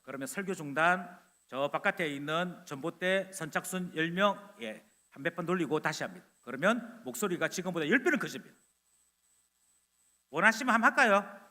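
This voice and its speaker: A man preaching a sermon loudly and energetically, acting out little scenes of dialogue. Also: a little high, brisk. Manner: animated, loud, acting out dialogue. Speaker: pastor. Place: church sanctuary. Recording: long church hall reverb.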